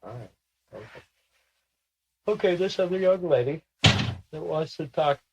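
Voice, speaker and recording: A man's voice: fairly high pitch, expressive, unhurried, vocal fry, background noise. A man in his sixties, a sitter in a channeling session, self-deprecating and stammering, often chuckling. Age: 60s. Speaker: sitter asking questions. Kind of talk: channeling session, casual chat.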